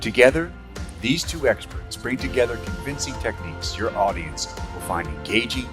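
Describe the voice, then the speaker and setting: Guy doing a promo voice-over, calm measured read, middle pitch. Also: over music. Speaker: promo narrator.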